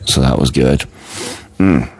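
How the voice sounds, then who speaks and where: A man's voice: very deep voice, takes it slowly. A tired man chatting casually on a live stream, rambling with many fillers and restarts. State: tired and yawning.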